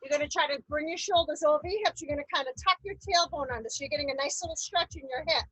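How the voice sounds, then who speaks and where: A woman aerobics instructor leading an exercise class, giving energetic, encouraging cues and counting reps. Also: high-pitched, fast, dry recording, rough recording. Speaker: aerobics instructor leading a seated chair workout.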